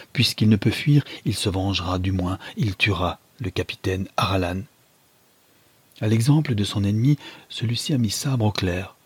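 Husky low-voiced male audiobook reader. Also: darkish tone, no echo. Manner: measured, dramatic, first-person telling. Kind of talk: dramatic audiobook narration.

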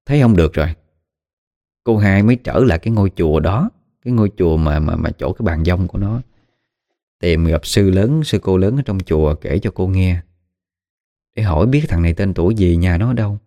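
A man's voice: deep voice, expressive, moderate pace, long pauses, dark tone, no room sound. A man with a Southern Vietnamese accent narrating a ghost story in a conversational way with dramatic asides. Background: faint music.

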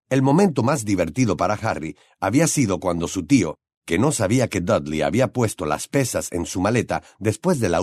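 A man narrating an audiobook in an expressive storytelling style. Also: on the low side, no echo, clean studio sound.

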